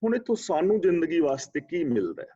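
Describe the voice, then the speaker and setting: A man teaching scripture in a measured, explaining way, with a voice pitched a little above most men's. He slows down to list terms one at a time. The audio is dull and lo-fi, like sound from an online video call. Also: big pitch swings, dark tone, husky. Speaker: religious teacher giving scripture commentary.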